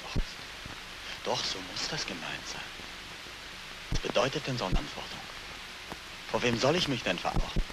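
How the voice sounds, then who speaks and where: An actor playing a haunted soldier back from war, tormented, swinging between strained cries and hushed whispers, in 1940s film acting. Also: male voice, lowish voice, sing-song, moderate pace, long pauses. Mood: despairing. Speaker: war returnee Beckmann. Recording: hissy old 1949 film soundtrack.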